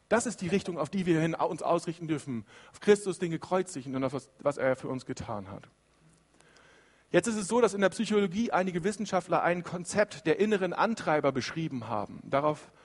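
A man preaching a sermon in a lively, conversational way, acting out the doubting thoughts of his listeners. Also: a little high, breathy edge, long reverb tail. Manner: lively, acts out quoted inner voices.

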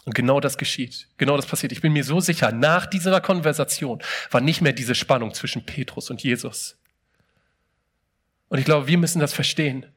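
A man's voice: mid-range voice, fairly quick, fairly bright tone, husky. A man preaching a sermon in a casual, emphatic way, asking his listeners many rhetorical questions and often opening a phrase with "hey".

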